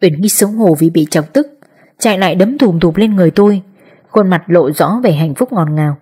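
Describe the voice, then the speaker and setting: A woman narrating an audiobook in steady, even storytelling. Her voice sits low and mellow, with a husky, breathy edge. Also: a little fast. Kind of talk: scripted narration.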